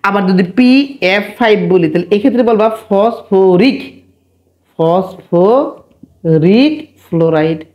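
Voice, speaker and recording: A man gives a chemistry lesson at a coaching center. He speaks in a steady, patient classroom manner, stretching out important terms and repeating them. He asks rhetorical check questions again and again to keep students with him. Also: high-pitched, normal speed, few pauses, muffled recording. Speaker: chemistry tutor. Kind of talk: classroom lecture.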